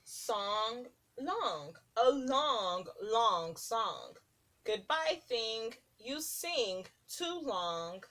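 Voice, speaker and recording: A woman in a preschool classroom reads a rhyming picture book to the young kids. Her voice is a little high, and she uses a sing-song, deliberate, expressive delivery.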